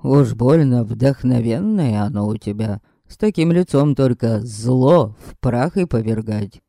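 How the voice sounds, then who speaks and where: A man's voice: mid-range voice, lively intonation, unhurried, creaky, warm tone, no echo, studio quality, voice pushed down. A man voicing a sly, teasing young man who talks with an ironic, mocking drawl.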